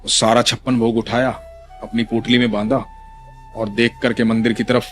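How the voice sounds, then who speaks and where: A man's voice: mid-range voice, normal speed, faint music behind. Man telling a devotional story. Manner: vivid, expressive story narration.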